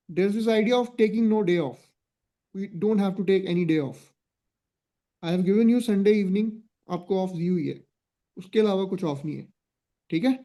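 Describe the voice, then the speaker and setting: Man, Indian English accent, high mellow voice, strict, exhorting, teacher on video call. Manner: firm, strict and exhorting, with frequent "ठीक है?" check-ins. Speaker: exam coaching teacher. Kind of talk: online class wrap-up mixing Hindi and English.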